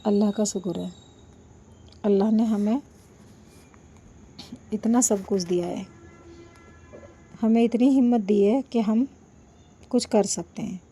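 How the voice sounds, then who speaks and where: A woman vlogger with a sore throat, talking slowly and softly to her viewers and pleading for their support, recorded without a microphone. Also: mid-range voice, slight background noise. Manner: slow, soft-spoken, pleading. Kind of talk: casual chat to viewers. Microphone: no microphone, built-in device mic.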